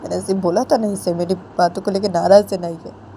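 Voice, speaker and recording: A woman voicing a distraught mother who pleads with her daughter in high, wailing tones. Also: fairly even intonation, fairly quick, dark tone, slight background noise, natural voice. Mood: insistent.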